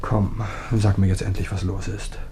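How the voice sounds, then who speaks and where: An actor playing a controlling husband who coaxes and threatens in a mock-affectionate way, in a classic radio drama. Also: male voice, low voice, little pitch movement, moderate pace, dark tone, slight background noise, lightly acted. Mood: menacing. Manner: coaxing turning to cold threat, mock-affectionate. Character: controlling, menacing husband, sweetly sinister. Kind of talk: 1950s-style radio drama acting.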